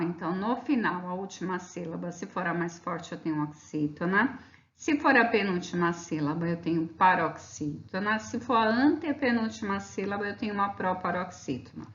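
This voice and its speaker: Woman teacher, grammar lesson, patient, slow drawn-out examples, echoey room, muffled lo-fi sound. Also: mid-range voice, a bit bright. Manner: patient, stretches out example words slowly. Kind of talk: explaining slides in a grammar lesson. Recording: roomy, dull lo-fi sound.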